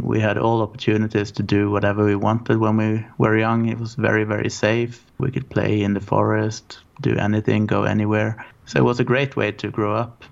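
Man from Norway, 40s, gravelly, flat low delivery, rambling guest on a dull call line. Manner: relaxed, rambling storytelling. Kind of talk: casual interview.

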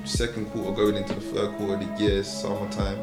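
A man's voice: lowish voice, monotone, fast. A man with a London accent hosting a podcast, asking questions and encouraging his guest with lots of "you know" and "yeah". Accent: London English. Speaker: podcast host. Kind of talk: casual interview. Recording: music bed clearly behind. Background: background music.

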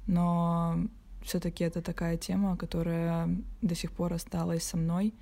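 A woman's voice: fairly low pitch, little pitch movement, measured pace, dark tone. An eighteen-year-old woman from Russia, a guest on a podcast, speaking in a restrained, composed way. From Novorossiysk, Russia. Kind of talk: podcast talk.

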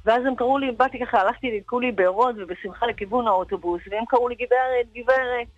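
Woman guest, emotional testimony, animated and repetitive, dull dry radio audio. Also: fairly high pitch, no echo. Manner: animated, repeats words for emphasis.

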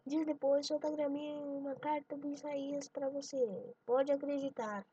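A woman's voice: high voice, flat delivery, normal speed, dark tone, distant mic, muffled recording, slight background noise. A woman reading jokes aloud, stumbling over words and laughing at her own punchlines. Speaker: joke reader.

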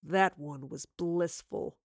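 A woman voicing a cruel, sly male villain who taunts in slow, purring, gloating tones. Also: lowish voice, smooth, no room sound, studio quality, lightly acted. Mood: taunting.

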